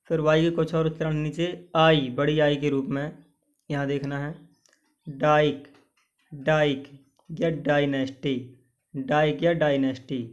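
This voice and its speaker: A man with a slightly high voice teaches English vowel sounds in Hindi. He says example words slowly, one by one, and keeps asking the listener what they are. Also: dull audio.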